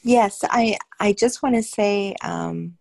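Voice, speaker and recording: A woman in an online group giving thanks in a slow, halting way with many pauses. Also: medium pitch, vocal fry, a little mellow, no room sound. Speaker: workshop participant.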